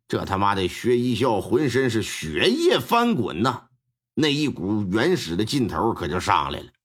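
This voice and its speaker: A man telling a historical crime tale in a colloquial, animated storytelling style with wry asides. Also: a little high, husky.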